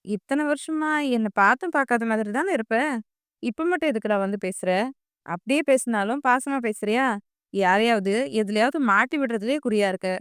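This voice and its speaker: A woman's voice: a little high, moderate pace, smooth, no echo, clean studio sound, lightly acted. A woman doing a stern, clipped young husband. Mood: irritated.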